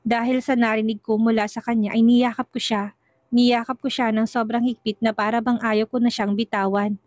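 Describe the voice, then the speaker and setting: A woman narrating a romance story in the first person, soft and steady. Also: fairly high pitch, moderate pace, no room sound, studio quality.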